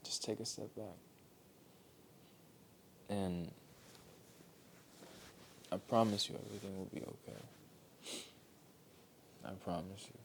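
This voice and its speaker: Guy with a lowish voice talking earnest and gentle, repeats stuff for emphasis, faint rumble behind. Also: fairly even intonation, slow pace, creaky, pauses often. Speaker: motivational speaker. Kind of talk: heartfelt motivational monologue.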